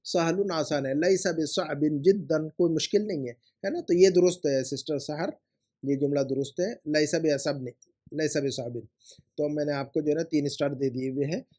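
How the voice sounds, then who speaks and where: A man's voice: fairly high pitch, fairly quick, mellow. A male language teacher, correcting homework and repeating grammar rules in a patient, explanatory way. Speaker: Arabic teacher.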